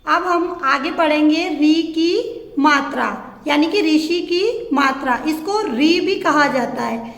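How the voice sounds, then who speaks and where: A woman's voice: sits high, takes it slowly, fairly bright tone. A woman teaching a primary school class, patiently spelling words out letter by letter. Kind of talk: slow classroom lesson. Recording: echoey room with long reverb.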